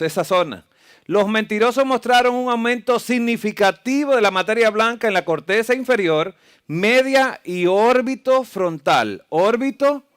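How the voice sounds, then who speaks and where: With a high, fairly bright voice that is clear and resonant, a man preaches at a church camp meeting. He is a preacher and health lecturer whose sermon draws on both medical slides and scripture, and he asks the audience rhetorical questions often.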